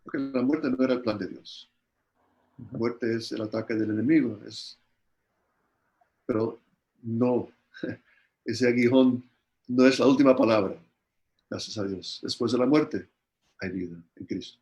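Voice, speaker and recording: A man's voice: medium pitch, steady tone, a little slow, long pauses, a little mellow, lo-fi sound. An older man, a guest pastor, answering questions in an earnest sermon style, often repeating words as he restarts. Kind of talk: sermon-style answers in an online church conference.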